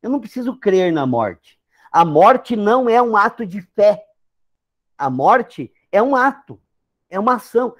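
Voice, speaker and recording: A man's voice: sits high, very animated, a little slow. A man with a Brazilian Portuguese accent, a pastor giving an informal, joking sermon talk with conversational asides.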